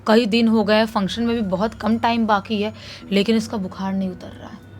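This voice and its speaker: A woman casually retelling a true horror story in an animated, conversational way. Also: mid-range voice, normal speed, a little hiss or hum.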